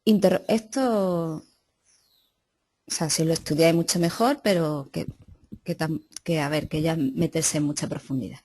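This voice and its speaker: Lady teacher, lowish voice, explains grammar step by step, restarts a bit. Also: normal speed, pauses often, darkish tone. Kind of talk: classroom grammar lesson. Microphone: recorded class.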